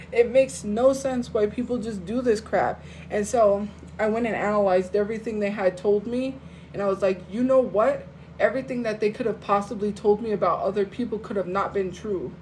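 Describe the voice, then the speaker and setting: A woman rants live to her phone audience, defensive and worked up. Her voice sits at an ordinary middle pitch. A faint hiss runs under the stream. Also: brisk, a little mellow, poor audio. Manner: heated and defensive, talks straight to viewers. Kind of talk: casual live-stream rant.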